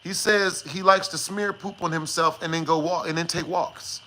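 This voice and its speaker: A man's voice: a little high, fairly even intonation, normal speed, heavy background noise. A man live-streaming, chatting casually with his viewers in a joking, slangy way and swearing freely. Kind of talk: casual livestream chat with viewers.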